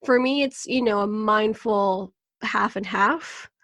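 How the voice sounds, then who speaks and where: A Venezuelan wellness coach in her thirties speaks slowly in a mid-range voice on a dry recording. As a podcast guest, she tells her life story candidly and animatedly, laughing often in a casual interview.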